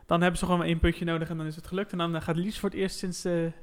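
High-voiced, quick man hosting a podcast. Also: level tone. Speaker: podcast co-host. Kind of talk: casual football podcast chat.

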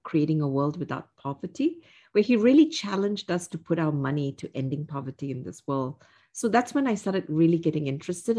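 A woman in her fifties from Singapore, speaking as an interview guest in a measured, reflective way with frequent "um" fillers. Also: lowish voice, a little mellow. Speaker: guest, investor. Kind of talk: casual interview.

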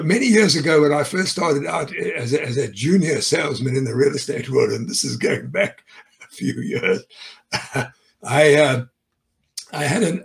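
A man's voice: on the high side, creaky, low-quality recording. A man as an interview guest, telling sales stories in a chatty way, chuckling often and doubling up words as he starts sentences. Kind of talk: conversational interview.

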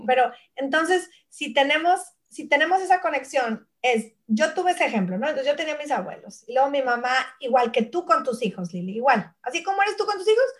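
A woman's voice: sits high, fairly quick, hardly any pauses. A woman in her forties from Mexico, a nutritionist guest telling family stories in casual conversation and acting out relatives' voices. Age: 40s. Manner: animated storyteller who acts out family voices. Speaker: guest, nutritionist and brand founder.

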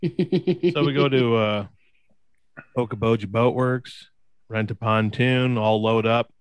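A man's voice: takes it slowly, clean tone, dry recording. A young man tells a story to his co-hosts in a loose, casual way. His voice leaps up when he quotes someone. The sound is dry and close, with no room around it. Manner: animated storyteller, voice jumps high when quoting people. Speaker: podcast co-host.

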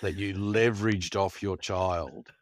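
A man's voice: low-pitched, steady tone, slow pace, dry recording. A man co-hosting a podcast who teases his friends in a dry, mock-serious way. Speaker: podcast co-host. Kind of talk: casual chat.

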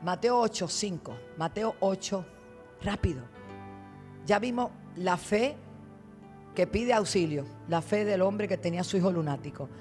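A woman preaching a sermon as a guest preacher, retelling scripture dramatically and dropping to low asides. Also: a little slow, a little mellow, faint music behind.

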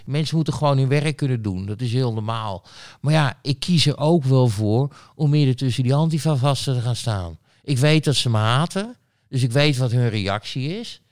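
A man in a casual interview, talking at an ordinary middle pitch. He tells his stories bluntly and rambles, often stopping to restart a sentence or to fill a pause. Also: lively intonation. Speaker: interview guest, street reporter. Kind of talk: casual storytelling.

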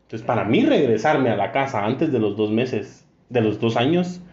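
A man's voice: mid-range voice, expressive, moderate pace, a little mellow. A young man, hosting a casual interview and teasing his guest with jokes. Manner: joking, teasing. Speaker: podcast host. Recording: roomy, muffled podcast audio.

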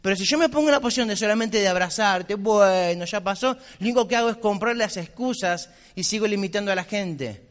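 A man's voice: high-pitched, fast talker, few pauses, fairly bright tone. A man, a business mentor giving a blunt, insistent motivational speech. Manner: blunt, insistent, repetitive exhortation. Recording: long reverb of a hall.

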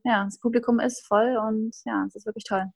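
A young Austrian woman raised in Upper Bavaria, a ballet dancer, chats cheerfully in standard German as a guest on a casual podcast interview, using many fillers. Her voice is a little high and creaky, steady in tone and fairly quick.

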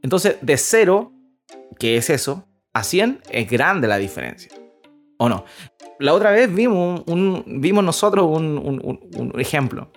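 An earnest man co-hosting a faith-based parenting podcast, his voice sitting a little high for a man. He rambles, repeats words and restarts his sentences as he explains his point. Faint music plays under the talk. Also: sing-song, measured pace. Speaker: podcast co-host.

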